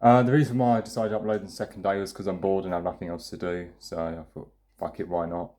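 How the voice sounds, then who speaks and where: A man's voice: low-pitched, flat delivery, fast, dark tone. A young man ranting to camera in a blunt, profane, rambling way, restarting his sentences often. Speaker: vlogger. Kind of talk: casual ranting monologue.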